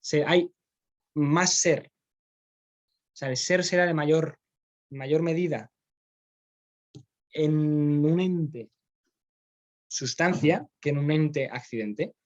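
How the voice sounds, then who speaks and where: A man's voice: on the high side, drawn-out words, long pauses, dull audio. A man with a Spanish accent, teaching philosophy in a classroom, explaining step by step and often checking in with his students. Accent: Spain. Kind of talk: classroom lecture.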